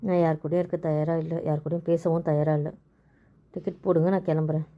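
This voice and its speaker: A woman's voice: low voice, flat delivery, fast talker, mellow. A woman playing a young wife who pleads with and coaxes her sulking husband in a family skit, then turns indignant.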